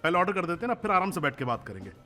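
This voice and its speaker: A man's voice: sits high, very animated, racing, bright, forceful tone, faint music behind, heavily acted. An actor playing a breezy, stingy male friend who brushes off worries. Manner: breezy, dismissive. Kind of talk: film dialogue.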